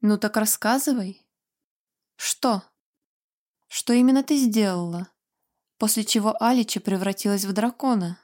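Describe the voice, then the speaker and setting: A cold, unflappable man who talks in a calm, dry and mocking way, read by a woman narrator. The voice stays close to the reader's own, in a storybook reading. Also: medium pitch, unhurried, long pauses, lightly acted. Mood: cool, mocking. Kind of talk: audiobook character reading.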